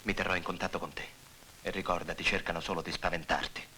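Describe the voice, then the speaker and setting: An actor playing a grim, protective man who speaks in a low, hushed, steady voice in a dubbed film drama. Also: fast talker, slight background noise, rough recording. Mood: urgent.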